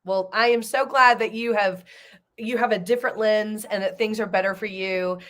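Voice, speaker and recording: A woman's voice: medium pitch, a bit bright. A woman from the southern United States, hosting a live online interview event in a casual style. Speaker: host of an online advocacy event.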